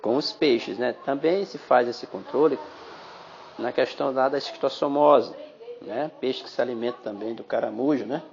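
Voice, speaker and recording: Brazilian male biology teacher, gravelly voice, chatty podcast lesson, dull phone-app recording. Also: medium pitch, moderate pace, a little mellow. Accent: Brazilian Portuguese. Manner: chatty, addresses listeners as "galerinha", frequent "né?". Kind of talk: podcast exam-prep lesson.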